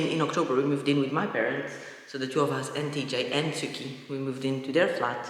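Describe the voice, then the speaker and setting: A woman from Portugal giving a rambling, excitable life update on a mic with a fuzzy windscreen, her voice echoing around an empty new house. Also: low voice. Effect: big echo of an empty room. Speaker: vlogger. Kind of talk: casual chatty life update. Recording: echoey bare empty room.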